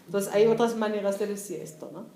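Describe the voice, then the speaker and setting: A woman's voice: mid-range voice, fairly even intonation, fast talker, dark tone, a little hiss or hum. Chatty German-born woman author, roomy. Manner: chatty, laughing storyteller with many fillers. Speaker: author guest. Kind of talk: casual talk at a public discussion. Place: room at a public gathering. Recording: roomy echoey venue.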